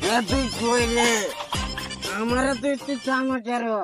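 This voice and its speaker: A man's voice: extremely high pitch, fairly even intonation, slow pace, loud music behind the voice. A man playing a belligerent drunk in a comedy skit, arguing and repeating himself with his drinking buddies. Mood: drunk, accusing.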